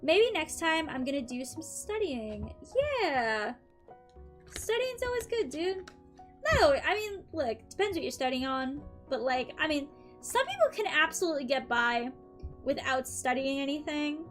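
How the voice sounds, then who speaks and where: Soft music plays as a young woman chats with her live-stream audience between tarot readings. Her high, sing-song voice is a bit bright and a little slow, her throat slightly dry, and she's upbeat and chatty, often saying "um" and laughing lightly.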